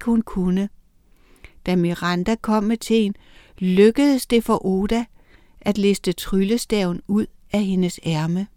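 A woman reading a children's story aloud in a lively, expressive way. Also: mid-range voice, clean tone, no room sound, clean studio sound.

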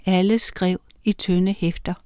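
A woman narrating a children's audiobook, reading with lively character voices. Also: lowish voice, no room sound, clean studio sound.

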